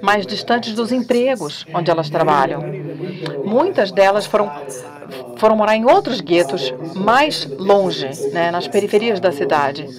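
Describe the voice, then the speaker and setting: A woman giving an academic talk at a panel, speaking in a measured way and pausing often with fillers. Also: medium pitch, lively intonation, a crowd in the background.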